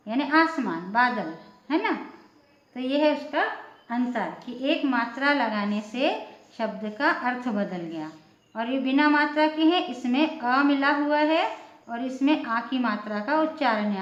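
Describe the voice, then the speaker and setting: Woman teacher sounding out letters slowly, echoey room, kinda muffled lo-fi audio. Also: high voice. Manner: slow, spells out sounds one by one. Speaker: Hindi teacher. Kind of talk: blackboard lesson for beginners.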